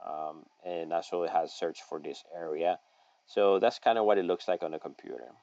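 Deep-voiced man giving a halting screen-share lesson. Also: a little mellow, no room sound. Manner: halting, many fillers and restarts, folksy asides. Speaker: local online marketing consultant. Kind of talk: screen-share tutorial, reading an article aloud with commentary. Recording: dry, slightly dull audio.

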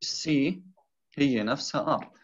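A man's voice: medium pitch, normal speed. A man tutoring engineering, explaining a drawing, repeating key points and mixing in English terms. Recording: slightly dull lo-fi sound.

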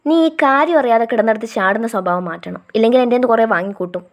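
A woman reading the lines of a caring young man who scolds his girlfriend gently and then reassures her. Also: fairly high pitch, lively intonation, very fast. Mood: scolding.

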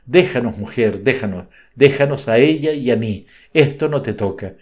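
A man's voice: mid-range voice, expressive, moderate pace, close to an everyday voice. A male narrator voicing a stern, troubled middle-aged father who speaks with bitter sarcasm, in a slightly dull audiobook recording.

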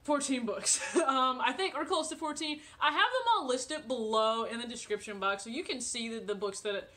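A woman's voice: high-pitched, moderate pace, bright, forceful tone. A woman in her late twenties chatting casually to camera from her living room, friendly and talkative with frequent laughs and fillers. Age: 20s. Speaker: vlogger.

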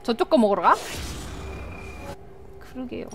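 A woman streams a game with excited running commentary, yelping, laughing and talking to the screen as she plays. Her voice is on the high side and unhurried, with loud music behind it.

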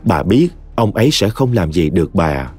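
A man with a low, expressive voice tells a story in scripted audiobook style, his pitch rising and falling with the drama. Faint music plays behind him. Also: normal speed, breathy edge. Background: soft music.

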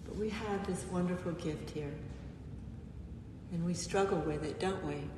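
In an echoey church, a far-off microphone captures a female pastor preaching softly and slowly, pausing often between phrases. Her voice lies a little low, trailed by long reverb and a faint hum of the sanctuary.

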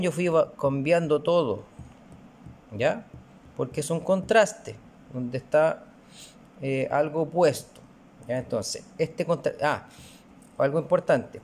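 A man's voice: on the high side, darkish tone, slight background noise. A male music teacher, patiently explaining rhythms and counting them aloud in a recorded lesson.

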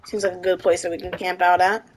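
A woman's voice: lowish voice, level tone, fast talker, breathy edge, rough recording. A woman roleplaying an outlaw parent in a western game, talking casually with many fillers. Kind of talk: in-character game roleplay chat.

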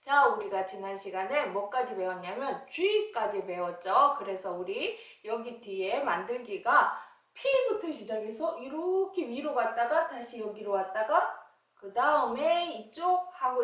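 A woman teaches English to small children in a slightly high, sing-song voice, drawing out each word slowly so they can copy it. She sounds distant from the microphone in an echoey room. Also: animated, fairly bright tone. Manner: repeats English words slowly for children to echo; calls herself teacher and addresses children as friends. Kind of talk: slow, sing-song lesson for young children.

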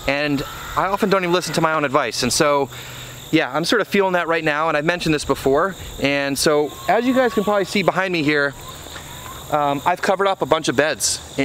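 Standing in a small farm field, a man in his thirties who vlogs about farming speaks earnestly to the camera in a conversational way, dropping "you know" again and again. His mid-range voice sounds a bit bright. The camera mic, first held at arm's length and then set on a tripod, gives poor audio with slight hiss or hum and faint outdoor ambience.

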